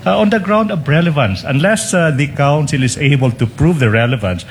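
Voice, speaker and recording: A man's voice: on the high side, a little fast, slight background noise. A man, an opposing lawyer raising formal objections in a courtroom recording. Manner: interrupts with formal objections, addresses the judge repeatedly. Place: hearing room, courtroom recording.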